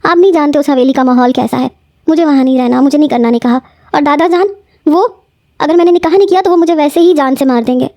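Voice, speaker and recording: A woman voicing a frightened young female student who pleads tearfully, her voice pushed higher. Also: dark tone, no echo, studio quality, lightly acted. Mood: tearful pleading.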